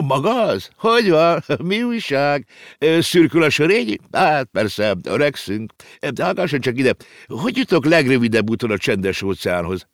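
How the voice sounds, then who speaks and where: A man's voice: medium pitch, dry recording, clean studio sound, pitched above the performer's own voice. A man voicing a courteous, matter-of-fact talking circus horse in a storybook reading.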